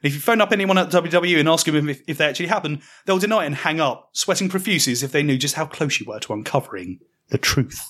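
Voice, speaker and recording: A man telling a mocking comic story in the second person, with deadpan delivery. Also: on the high side, fast talker. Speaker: podcast storyteller.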